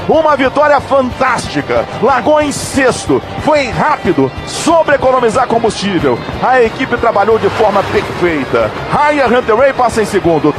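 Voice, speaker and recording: A Brazilian man works as a motorsport commentator, calling the race with excitement. His voice sits very high and swings widely, and he repeats phrases for emphasis over a loud crowd. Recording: broadcast with loud crowd, engines and music. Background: crowd, vehicles and music.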